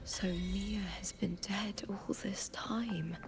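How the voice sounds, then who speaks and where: An actress playing a solemn, brooding female warrior in a video game, with a hushed, grave delivery. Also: mid-range voice, fairly even intonation, slow pace, vocal fry. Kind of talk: scripted video game dialogue. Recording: echoing, long reverb, music behind.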